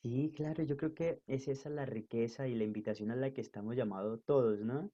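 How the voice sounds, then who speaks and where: A man's voice: mid-range voice, brisk, dark tone, lo-fi sound. A man from northern Colombia with a mixed Colombian accent, a podcast guest talking in an earnest, reflective way. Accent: Colombian, mixed coastal. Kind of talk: casual conversation.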